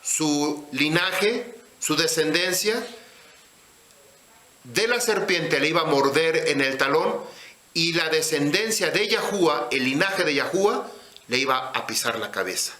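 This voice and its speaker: A man teaching scripture in a sermon, speaking slowly and deliberately and putting questions to his listeners. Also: fairly high pitch, lively intonation, pushed and bright, echoey room. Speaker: religious teacher.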